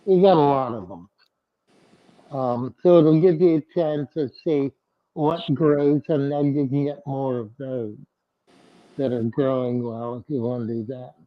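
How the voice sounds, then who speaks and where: A man hosting a live stream, giving slow, plain, reassuring advice to callers through a muffled lapel mic. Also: fairly even intonation, no echo. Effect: muffled, bass-heavy sound from a clip-on mic. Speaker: host of an aquarium livestream. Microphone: clip-on lapel mic.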